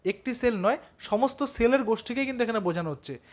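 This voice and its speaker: A man's voice: extremely high pitch, animated, fast talker. A man teaching a grammar lesson with a Bengali accent, explaining step by step and often asking whether students follow. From West Bengal. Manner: explains step by step, asks checking questions.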